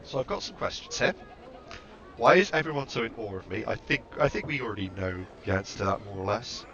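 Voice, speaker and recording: A man's voice: fairly low pitch, expressive, fast talker, fairly bright tone. A man casually commenting while playing a game and reading its text aloud, offhand and musing. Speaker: let's-play host. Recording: muffled lo-fi mic with background noise.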